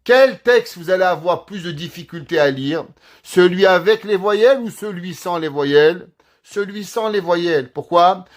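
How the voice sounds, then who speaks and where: A man, a rabbi, giving a Torah lesson, asking his listeners questions and then answering them himself in an animated way. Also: high-pitched, normal speed. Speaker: rabbi teaching.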